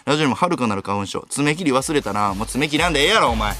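Kansai man in his 20s hosting solo late-night radio, lively swinging delivery, quick comic comebacks. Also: medium pitch, over music. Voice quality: sharp comedic retorts, Kansai tsukkomi. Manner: rapid-fire reading and snapping back. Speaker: radio host reading listener mail. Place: radio studio. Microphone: studio microphone.

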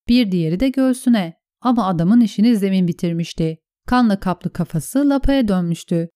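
A woman narrating a fantasy audiobook in a steady storytelling manner. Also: mid-range voice, dry recording, clean studio sound.

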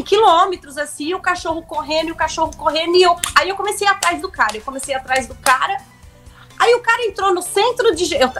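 A woman's voice: high-pitched, fairly bright tone. A young woman, a guest telling an emotional story in a chat, acting out quotes and restarting often. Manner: breathless, emotional, acts out quotes, many restarts. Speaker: guest, reality show contestant.

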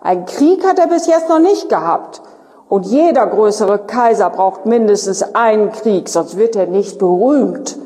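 A dry, knowing soldier who has seen a lot, as a woman reads him aloud. The pace is slow and steady. A long echo trails behind the voice. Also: sits high. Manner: read aloud slowly and evenly.

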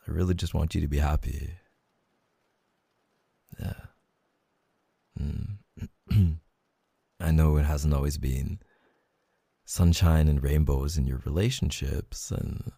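A young man in a whispered role-play, talking softly and intimately as a reassuring boyfriend. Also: slow pace, long pauses, dry recording. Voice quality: gravelly, husky low voice. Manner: soft, intimate, reassuring talk to the listener.

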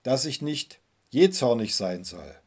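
A husky-voiced man playing a small, hot-tempered boy who whines and complains as he tells a story in a sermon. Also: mid-range voice, sing-song, unhurried, a little mellow. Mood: anxious questions. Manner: complaining, pleading.

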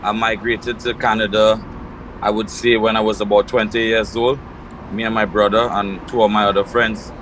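A man from Trinidad and Tobago, answering interview questions at home in a relaxed storytelling way. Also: on the low side, normal speed, slight background noise, rough recording. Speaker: guest, music label founder.

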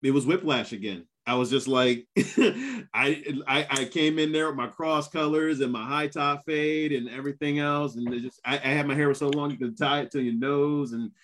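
A man in his fifties chatting casually and telling stories in an animated way, with emphatic repetition. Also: on the high side, moderate pace, a little hiss or hum. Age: 50s. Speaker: guest, former Marine. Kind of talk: casual conversational storytelling.

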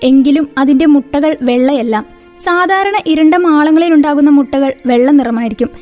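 High-voiced woman reading a nature narration. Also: normal speed. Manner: even, informative reading pace. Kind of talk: scripted narration. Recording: faint background music.

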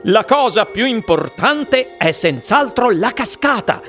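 An exuberant eccentric chocolate maker. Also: male voice, sits high, sing-song, slow pace, fairly bright tone, faint music behind, voice pushed up, full character voice. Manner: showy, enthusiastic, coaxing. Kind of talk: audiobook character reading.

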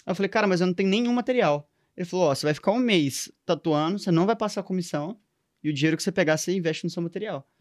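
A young man with a Minas Gerais accent chats on a podcast as a guest tattoo artist, spinning stories in loose slang. He talks quickly in a slightly raised voice, recorded dry and close. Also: high voice, dry recording. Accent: Minas Gerais Portuguese. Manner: slangy storytelling. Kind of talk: casual podcast chat.

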